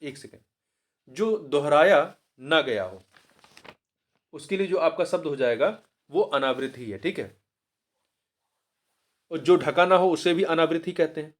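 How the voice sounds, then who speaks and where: Man slowly repeating answers as a teacher. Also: a little high, lively intonation. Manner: explains each answer, then repeats key words slowly; pauses to correct himself mid-word. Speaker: exam prep teacher. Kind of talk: walking through a Hindi test paper.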